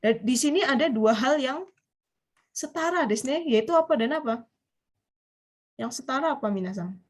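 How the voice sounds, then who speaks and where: A woman's voice: high-pitched, expressive, normal speed. A woman with an Indonesian accent teaching a Japanese grammar class online, explaining step by step and often putting questions to her students.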